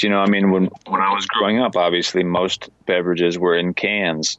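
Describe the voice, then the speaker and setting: Deep-voiced American man, relaxed and thoughtful. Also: no room sound, highs cut off. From United States. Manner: relaxed, thoughtful, trailing restarts. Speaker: leatherworker, guest. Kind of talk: casual conversation.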